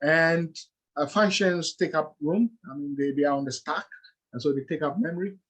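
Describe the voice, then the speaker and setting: Ghanaian guy giving a coding talk, kinda higher voice, lots of uh and okay, works through stuff step by step. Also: moderate pace, a bit bright, rough recording. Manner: explains step by step with many "uh"s and "okay"s. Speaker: presenter. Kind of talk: lecture-style presentation.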